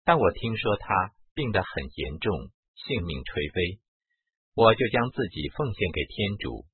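A man with a deep, very husky and breathy voice reads a spiritual memoir aloud in a measured first-person manner, his pitch rising and falling widely. The sound is dry and tinny, as if through a narrow-band line. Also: sing-song, dry recording. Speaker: reader.

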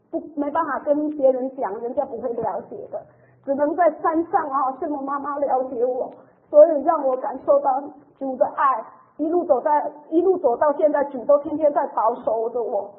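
A woman tells her personal faith testimony in an emotional, storytelling way, often ending phrases with soft particles. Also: high voice. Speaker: church member giving testimony. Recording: tinny phone-like radio sound.

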